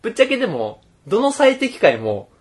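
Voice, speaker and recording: A man's voice: sits high, huge pitch swings, brisk. A young man with a Kansai accent co-hosting a casual podcast chat in a laid-back, teasing way. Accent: Kansai Japanese. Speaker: podcast co-host.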